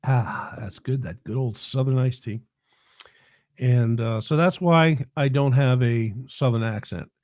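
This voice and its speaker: Casting note: middle-aged New York man, mellow throaty voice with a cold, dry close mic, rambling livestream host. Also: mid-range voice, a little slow, no echo. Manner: rambling, many fillers and restarts. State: head cold settled in throat. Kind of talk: casual livestream chat.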